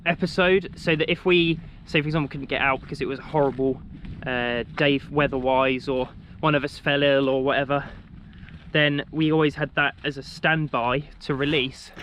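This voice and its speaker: A man's voice: fairly high pitch, steady tone, normal speed, a bit bright, a little hiss or hum. A young man from England walking outdoors and chatting to a handheld camera, rambling with many ums and restarts. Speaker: walking vlogger. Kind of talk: casual talk to camera while walking. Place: outdoors on a country walk.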